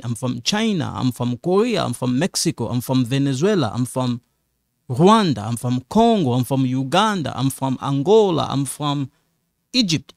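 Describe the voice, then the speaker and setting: The clip, studio quality with no echo, features a middle-aged man's mid-range voice. He is a French teacher giving a classroom-style language lesson, slow, patient and repetitive, phrased in non-native English.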